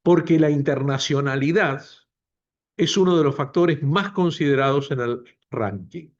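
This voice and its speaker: A man's voice: on the high side, dull audio. A man directing a doctoral program, giving an emphatic introductory speech at a book presentation in a university room and repeating key phrases for weight. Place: university lecture room, also streamed to video call.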